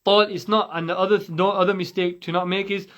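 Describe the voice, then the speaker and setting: A man teaching Quran recitation, patiently repeating sounds slowly and drilling them one by one. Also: high-pitched, level tone, fairly bright tone. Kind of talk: pronunciation lesson.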